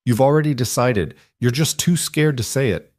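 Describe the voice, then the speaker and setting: A fierce, desperate young woman in the middle of a lovers' fight, as a male narrator puts her on, her pitch lifted well above his low register. She pleads and argues in a heated way. The narration is close to the mic in a dry, deadened room. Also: moderate pace, darkish tone, dry recording, lightly acted.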